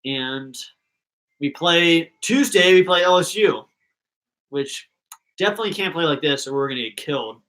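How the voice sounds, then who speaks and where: A man's voice: fairly high pitch, animated, normal speed, long pauses, a bit bright, rough recording. A young man hosting a live fan reaction stream, chatting casually and rambling between thoughts.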